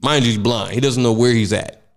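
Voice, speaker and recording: A man's voice: medium pitch, brisk. A young man, a radio DJ, casually telling a story on a podcast with a lot of swearing. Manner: animated, profane, acts out voices in his stories. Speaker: radio DJ and guest.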